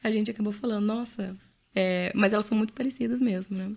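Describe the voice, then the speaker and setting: A woman's voice: medium pitch, steady tone, very fast. A middle-aged woman with a Brazilian accent hosting a podcast, chatting casually and reading out facts with her own asides. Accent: Brazilian Portuguese. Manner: chatty, often adds "né?", reads out facts with asides. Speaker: podcast host. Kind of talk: casual conversational podcast chat.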